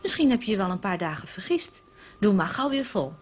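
A woman reading aloud and voicing a relaxed, offhand husband with a sweet tooth. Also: medium pitch, a little fast, a little hiss or hum, close to an everyday voice. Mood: easygoing.

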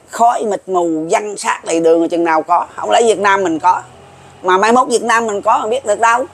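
A man's voice: high-pitched, vocal fry, a bit bright. A man in his seventies with a Southern Vietnamese accent, talking to viewers in a rambling, folksy way and repeating himself. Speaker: folk prophecy commentator. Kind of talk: casual monologue to viewers.

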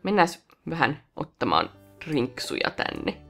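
Casting note: woman let's play host, low gravelly voice, very animated pitch, chatty, talks to on-screen characters. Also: faint music behind. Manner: chatty, talks to the game characters, rises to excited squeals. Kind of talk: casual game commentary.

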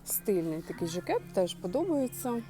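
A woman's voice: medium pitch, very animated, moderate pace, over music. A woman chatting to her viewers while browsing a clothing and home goods store, thinking aloud in a casual shopping vlog. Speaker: shopping vlogger.

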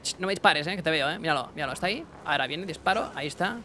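A young man giving casual let's-play commentary, excitable, talking to himself and his chat with bursts of yelps. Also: a little high, very fast, slight background noise. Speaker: gaming streamer.

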